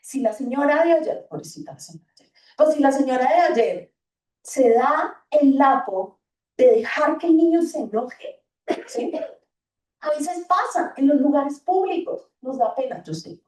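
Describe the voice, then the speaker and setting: A woman, giving a lively parenting talk to an audience and acting out the lines of children and parents. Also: high-pitched, measured pace. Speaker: school talk speaker for parents. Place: hall or gym. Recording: echoey room, voice from far off.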